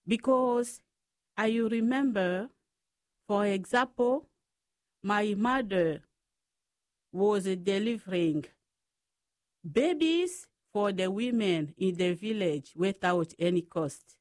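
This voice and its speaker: Slow-speaking Congolese-born woman. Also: mid-range voice, animated, a little mellow, no room sound, studio quality. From Democratic Republic of the Congo. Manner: slow, careful storytelling. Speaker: guest, Franciscan sister. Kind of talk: radio interview.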